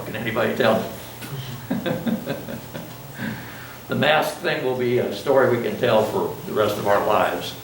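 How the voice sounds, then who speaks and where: A man's voice: mid-range voice, a bit bright, a little hiss or hum. Roomy, distant recording of a masked older man lecturing a class. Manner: chatty, asks the class questions, self-joking. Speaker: college instructor. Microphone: masked, speaking in a classroom.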